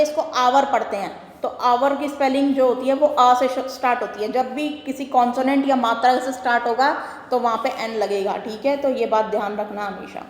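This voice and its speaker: A woman from Delhi teaching a worksheet lesson, patiently explaining and reading example sentences slowly, word by word. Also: high voice. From Delhi, India. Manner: patient, repeats and checks understanding. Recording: roomy echo with long reverb.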